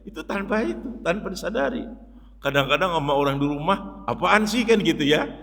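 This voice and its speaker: A man giving a mosque sermon in a lively, joking way, often turning to his listeners and acting out shouts. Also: fairly high pitch, brisk. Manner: lively, jokey, addresses listeners as "Pak", acts out shouts. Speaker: Islamic preacher. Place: mosque hall. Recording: long reverb of a hall.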